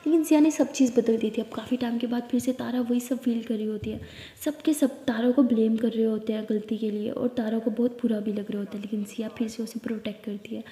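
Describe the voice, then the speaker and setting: A woman narrating a love story in a casual, conversational way. Her voice is high and very mellow. The room rings with long reverb. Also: fairly even intonation, brisk. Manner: conversational, plain retelling.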